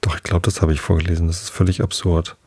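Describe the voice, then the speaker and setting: A man's voice: low-pitched, level tone, fast, creaky, dark tone, breathy edge, no echo. A man reading a storybook aloud who keeps losing his place, apologizes and restarts lines.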